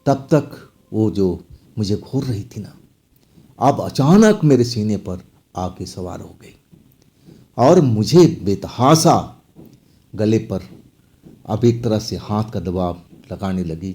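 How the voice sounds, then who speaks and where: Mellow-voiced male horror storyteller. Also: on the low side, lively intonation, slow pace. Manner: dramatic, dropping to hushed tones. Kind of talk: first-person horror story narration. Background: faint background music.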